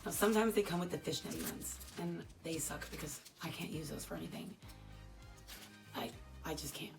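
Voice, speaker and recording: A woman with a crackly, dry voice, chatting casually and rambling as she unboxes products for her vlog. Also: on the low side. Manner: chatty, rambling, self-deprecating. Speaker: unboxing vlogger. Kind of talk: casual unboxing chat to camera.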